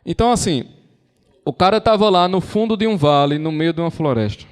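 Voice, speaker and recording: Speaking fairly quickly with lively intonation, this man has a fairly high, clear and resonant voice. He has a Brazilian Portuguese accent and delivers a lecture on intellectual and moral formation as a conversational storyteller who acts out quotes, in a hall with long reverb.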